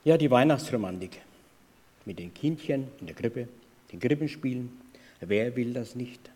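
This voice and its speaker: A man preaches in a calm, conversational way with a mid-range voice. A long reverb fills the hall around him. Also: mid-range voice, moderate pace, breathy edge. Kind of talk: sermon with story reading. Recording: echoey hall.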